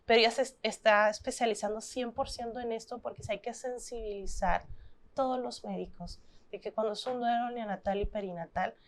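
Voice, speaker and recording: Earnest Mexican woman, slightly high voice. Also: fairly even intonation, fairly quick. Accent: Mexican Spanish. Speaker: thanatologist guest. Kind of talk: interview talk.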